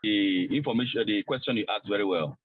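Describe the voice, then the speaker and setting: A man with a Nigerian accent speaking as an interview guest over a breaking-up phone line, his words cutting out as he talks haltingly. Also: on the low side, no room sound. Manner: halting, restarts and repeats words. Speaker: guest official of a petroleum marketers group. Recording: tinny dry phone line.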